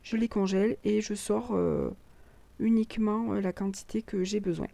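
Hoarse, husky-voiced woman narrating a recipe. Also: medium pitch, moderate pace, dry recording. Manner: calm step-by-step instructions. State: hoarse, lost voice. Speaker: cooking channel host.

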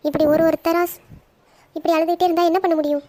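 A woman voicing a worried, tearful mother in an animated story, pleading in a high voice. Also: fast, a little hiss or hum.

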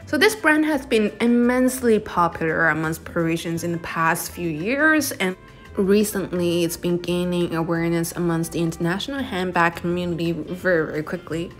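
A woman's voice: lowish voice, expressive, normal speed, faint music behind. A young woman narrating a casual shopping vlog in a chatty, descriptive way. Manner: chatty, descriptive, reviewing products. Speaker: vlogger.

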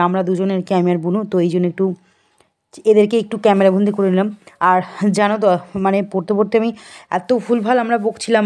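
A woman talks to her viewers in a relaxed, chatty vlog. Her voice sits at a middling pitch, and she speaks straight to the camera. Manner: chatty, talking directly to viewers. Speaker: vlogger. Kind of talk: casual vlog narration to camera.

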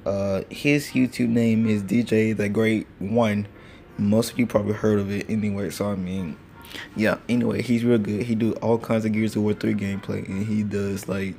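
This teen gaming channel host has a low, creaky, darkish voice and rambles casually with lots of fillers as he plays a mobile game. The phone screen recorder at home picks up slight background noise, including a passing train outside.

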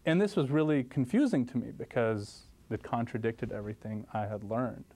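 A man in his thirties from Lithuania, answering interview questions in a studio with animated storytelling and lively jumps in pitch. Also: moderate pace. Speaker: guest professor. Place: studio set, seated. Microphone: lapel mic.

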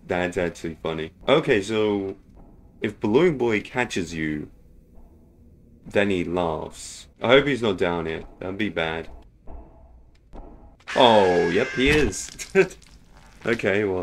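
A man hosting a casual horror game playthrough, thinking out loud and exclaiming at scares. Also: low voice, lively intonation, unhurried, slight background noise. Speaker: gaming video host.

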